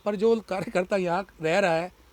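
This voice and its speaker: A man's voice: high voice, moderate pace, no echo. A man who runs a shop, speaking in an impassioned, argumentative way in a street interview. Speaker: shopkeeper and party worker.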